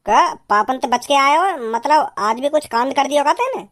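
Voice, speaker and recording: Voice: high voice, brisk, fairly bright tone. A performer voicing a cartoon young man who pleads and explains himself. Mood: defensive. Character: easygoing young male friend, defensive.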